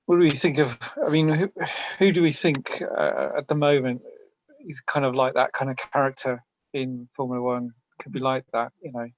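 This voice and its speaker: Brief: podcast co-host, mid-pitched, prompting questions, muffled recording. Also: male voice, steady tone, moderate pace, slight background noise. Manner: asks questions, steers the talk. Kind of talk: casual chat. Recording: dull lo-fi audio.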